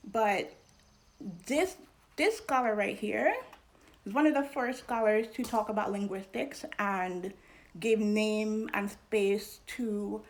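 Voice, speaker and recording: A young adult woman from New York, hosting a casual educational talk to camera in an animated, chatty way with fillers. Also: a little high. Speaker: channel host.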